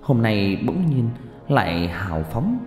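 A male storyteller reading a ghost tale in a dramatic, measured way. His pitch moves lively and expressive. The voice rings in a roomy space with a long reverb, and faint music plays behind. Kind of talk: scripted story narration.

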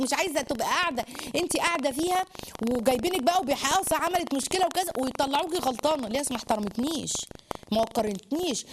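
Egyptian woman preacher, brisk and lively, a touch high, noisy recording. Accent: Egyptian Arabic. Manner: animated, rapid, acts out quotes in dialogue. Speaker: Islamic lecturer. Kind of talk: religious lesson on marriage.

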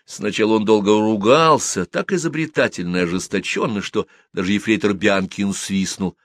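A man reading an audiobook aloud in a measured, expressive storytelling manner. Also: on the low side, no room sound, studio quality. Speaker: audiobook narrator.

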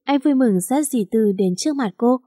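Mellow-voiced woman narrating a romance. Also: a little high, animated, moderate pace, dry recording, studio quality. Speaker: audiobook narrator. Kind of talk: scripted narration of a romance story.

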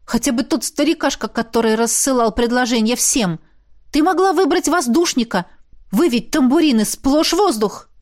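A woman's voice: sits high, expressive, moderate pace. A woman reading as a proud young necromancer. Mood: scornful. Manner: sharp and cutting.

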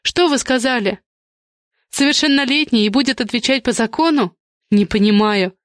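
A woman's voice: high voice, unhurried, dry recording, clean studio sound, voice pushed up. Woman playing a frantic, tearful mother. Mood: bewildered. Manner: pleading, bewildered, near tears. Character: frantic middle-aged woman manager, a mother.

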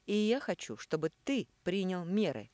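A woman's voice: mid-range voice, very animated, moderate pace, darkish tone, no echo, voice pushed up, natural voice. Woman playing a sweetly venomous schemer. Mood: cold. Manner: sugary, taunting, cold.

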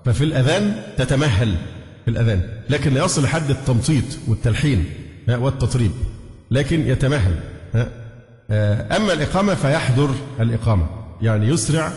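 A man's voice: mid-range voice, expressive, fast, darkish tone. A man with an Egyptian accent teaching a lesson on a jurisprudence text. He mixes formal Arabic with colloquial asides, puts questions to his students and chants short phrases to show them. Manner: demonstrates chanted call-to-prayer phrases. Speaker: sheikh teaching a fiqh book. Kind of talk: classroom lesson explaining a text. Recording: echoey hall with long reverb.

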